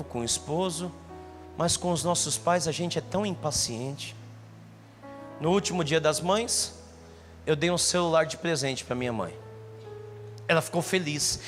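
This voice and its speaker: A young Brazilian man with a Brazilian Portuguese accent preaching a jokey, animated sermon full of personal stories, sometimes rising to shouts. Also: sits high. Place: church stage with live audience. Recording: long hall reverb, faint music.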